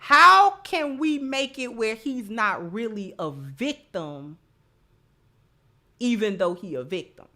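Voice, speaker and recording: An American woman hosts a live opinion commentary show, speaking emphatically and repeating phrases for stress. Her voice is fairly high, expressive and sharp, and she talks slowly.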